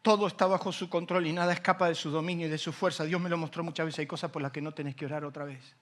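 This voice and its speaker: A man with a Rioplatense Spanish accent, a pastor preaching a sermon as an animated storyteller. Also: fairly high pitch, rapid-fire.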